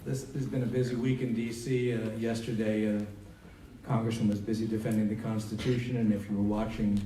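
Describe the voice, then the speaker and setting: At an indoor town hall meeting, a congressman's communications director reads a prepared statement in a formal public speech. His lowish, mellow voice is flat and a little fast, picked up by a distant mic in an echoey hall with faint noise.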